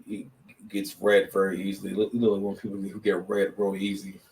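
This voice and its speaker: A man hosting a podcast, reacting to clips in a rambling, mocking, animated way. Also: low voice, fairly quick, gravelly, distant mic, a little hiss or hum, low-quality recording. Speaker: podcast host. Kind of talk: casual reaction commentary.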